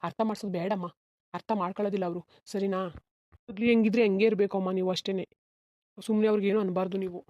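A woman voicing a sad, self-sacrificing young married man in a cartoon, talking in a soft, resigned, pleading way. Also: mid-range voice, fairly even intonation, fast, no room sound, dull audio, lightly acted. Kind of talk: cartoon voice acting.

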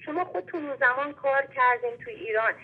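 A woman's voice: sits high, breathy edge. A woman from Iran calling in to a radio show, heard over a phone line, making an earnest, insistent case at length. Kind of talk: call-in question to the host.

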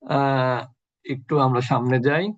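A man's voice: medium pitch, little pitch movement, takes it slowly, highs cut off. A man teaching a Quran recitation class online. He explains each point step by step, asking the class questions and then answering them himself. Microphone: video call.

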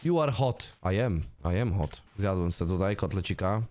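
Young guy narrating his game, chatty, cusses a lot, yells when things go wrong. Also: low voice, animated, moderate pace, slight background noise. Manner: chatty, swears often, shouts in panic. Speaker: gaming streamer. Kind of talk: casual let's-play commentary.

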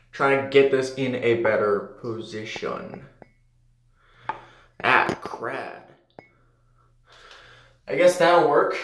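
A man's voice: medium pitch, background noise. A young man vlogging casually to the camera from a small tiled bathroom. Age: young adult. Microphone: camera a few feet away. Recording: echoey bathroom, distant mic.

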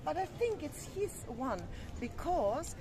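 A middle-aged woman co-hosting a vlog, chatting in an animated, expressive way on an outdoor harbour promenade at night. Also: high voice, takes it slowly. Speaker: vlog co-host. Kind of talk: casual walking-tour chat. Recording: noisy outdoor ambience.

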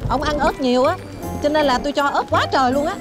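A woman's voice: high-pitched, fast talker, over music, lightly acted. An actress playing a kind, bustling noodle shop owner who chats in a motherly, fussing way. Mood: caring. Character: kind, bustling neighborhood woman who feeds others. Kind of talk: TV drama acting.

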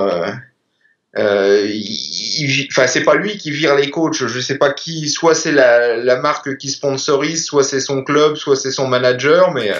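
A man with an accent from France chatting casually and haltingly on a podcast. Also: mid-range voice. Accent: French, from France. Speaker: podcast participant. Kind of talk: casual chat. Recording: slightly dull, lo-fi sound.

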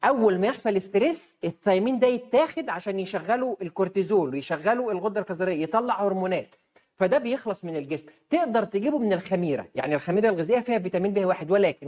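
An Egyptian-accented woman doctor talks through her health advice at a rapid clip. Her voice sits in a middle register, and she keeps throwing out rhetorical questions and answering them herself with emphatic force. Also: medium pitch, lively intonation, darkish tone. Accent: Egyptian Arabic.

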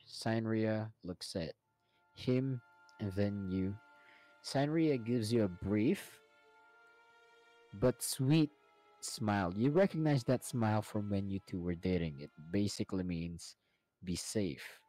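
A man narrating a tabletop role-playing game as game master, in a slow, unhurried way. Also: lowish voice, mellow, soft background music.

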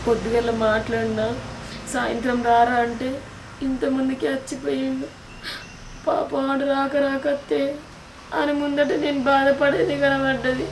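A sorrowful, hurt pregnant young wife, played by a woman with a Telangana Telugu accent, her voice high and held to a flat, narrow tune. She pours out her troubles in a plaintive, tearful way, as in a village short film. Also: normal speed, pauses often, roomy sound, slight background noise. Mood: sad, plaintive. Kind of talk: village drama acting.

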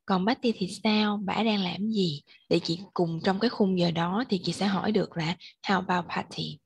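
A husky, gravelly woman tutors one learner in English. She explains each point patiently and step by step, in an encouraging voice that sits on the lower side. The sound is close and dry. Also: fairly even intonation, moderate pace, no room sound. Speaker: English teacher.

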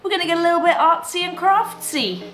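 A woman's voice: very high voice, expressive, fast talker, fairly bright tone. Chatty woman vlogging in an echoey room. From England. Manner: chatty and upbeat, with frequent laughs. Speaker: vlogger and marathon runner. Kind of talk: casual vlog chat. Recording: echoey room with faint music.

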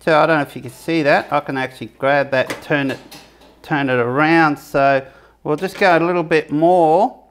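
For his camping review channel, a man gives a casual cooking demonstration, chatty and rambling, often restarting sentences and correcting himself. His voice is fairly high and steady at a moderate pace, with a little hiss or hum in the recording.

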